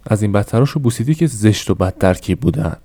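A man's voice: on the low side, expressive, mellow, no room sound. A man voicing an agitated middle-aged shopkeeper father who scolds his daughter in a raised, insistent voice. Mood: pleading.

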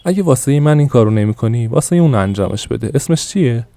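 A man voicing a gentle, persuasive young shopkeeper in an audiobook, soothing and coaxing as he sells. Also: medium pitch, lively intonation, no echo, close to an everyday voice. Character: gentle persuasive young male shop salesman.

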